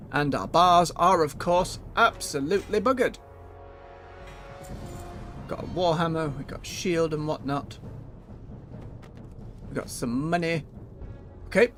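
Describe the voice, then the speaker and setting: A man's voice: fairly high pitch, measured pace, long pauses, fairly bright tone, soft background music. A man giving casual gameplay commentary as a streamer, chatty and muttering to himself as he goes. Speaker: video game streamer.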